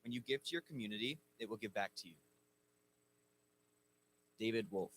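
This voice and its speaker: A man's voice: fairly low pitch, moderate pace, fairly bright tone, slight background noise, poor audio. A man announcing at a school ceremony, reading inductee bios formally from a lectern microphone. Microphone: speaking at a lectern microphone.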